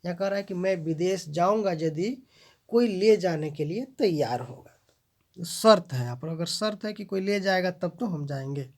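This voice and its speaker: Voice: mid-range voice, expressive, normal speed. A language teacher in a video lesson who reads each example sentence aloud, then translates and explains it, often addressing viewers as friends.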